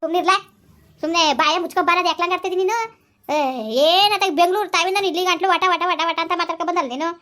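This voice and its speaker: Woman playing a sharp-tongued old village aunt, high, rapid lecturing. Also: fairly even intonation. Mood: scolding. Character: scolding elderly village aunt. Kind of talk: village comedy skit.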